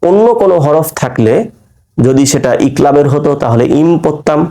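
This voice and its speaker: A man's voice: a little high, dark tone. A man teaching Quran recitation rules, explaining step by step, asking and answering his own questions, and stretching out words when he recites them. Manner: drawn-out sung recitation of verse words. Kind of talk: tajweed lesson with recitation.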